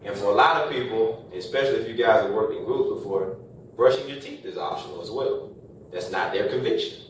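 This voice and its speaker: A man's voice: on the low side, brisk. A man gives a casual motivational talk to a classroom of college students, joking and asking rhetorical questions. His voice is picked up from a distance, so it sounds far off in a very echoey room with a faint hiss underneath. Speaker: speaker addressing college students.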